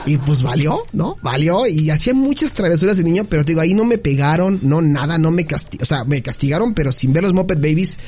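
A man's voice: a little high, lively intonation, fast, few pauses, a little mellow, slightly rough. A man with a Mexican accent telling a childhood anecdote in a casual, playful chat, often laughing as he talks. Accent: Mexican Spanish. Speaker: podcast co-host.

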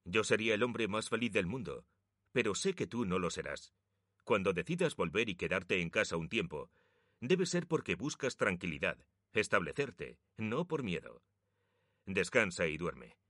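A man voicing a frail old father who gently consoles his son, with a lively, low voice. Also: moderate pace, no echo, clean studio sound. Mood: wise.

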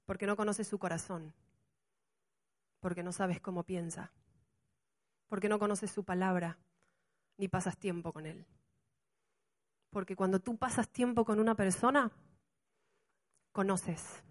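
A middle-aged woman pastor, preaching an animated sermon full of rhetorical questions. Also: mid-range voice, unhurried, pauses often.

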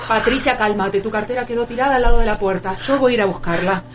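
A woman's voice: on the high side, fast talker, close to an everyday voice. An actress with a Rioplatense Spanish accent playing a bossy, selfish woman who gives sarcastic orders in a radio drama. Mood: curt commanding. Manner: commanding, sarcastic. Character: bossy, cold, selfish woman under threat. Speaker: actor.

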